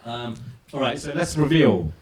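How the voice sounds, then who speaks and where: A man's voice: mid-range voice, expressive, moderate pace, a little mellow. A man hosting a live comedy panel show, rambling and laughing in a stop-start way. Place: studio stage before a live audience. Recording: roomy live studio with audience.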